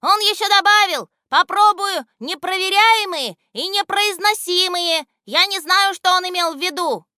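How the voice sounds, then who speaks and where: A woman voicing a small, chatty alphabet letter in a storybook reading, in a very high, excited voice. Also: a little slow, hardly any pauses, no echo, clean studio sound, exaggerated voice.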